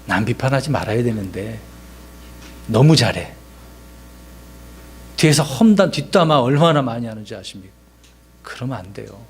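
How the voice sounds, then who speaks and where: A man's voice: medium pitch, lively intonation, moderate pace, pauses often, husky. Korean man preaching a conversational sermon. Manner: conversational preaching with rhetorical questions, acts out quoted lines. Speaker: pastor.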